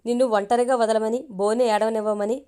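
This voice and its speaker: A woman's voice: a little high, steady tone, a little fast, mellow, clean tone, lightly acted. A woman voicing a playful young woman who teases the man she loves, read in a plain storytelling voice. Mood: teasing. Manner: teasing, affectionate.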